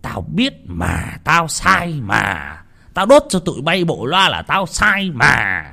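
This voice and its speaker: A man voicing a gruff older village sorcerer who scolds and curses bluntly. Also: fairly low pitch, big pitch swings, moderate pace, fairly bright tone, heavily acted. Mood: scolding.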